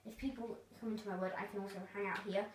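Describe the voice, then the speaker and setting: A woman's voice: medium pitch, steady tone, racing. A woman casually narrating a tour of her video game world, rambling and hesitant with lots of fillers. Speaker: gamer giving a tour of their world. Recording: roomy, distant mic, faint noise.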